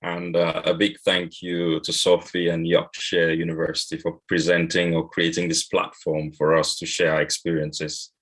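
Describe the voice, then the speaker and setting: A man from Cameroon speaking on an online panel, measured and pausing often with "uh". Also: low-pitched, completely flat delivery, a bit bright, breathy edge. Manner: measured, with frequent "uh" pauses. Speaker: cocoa and coffee exporter.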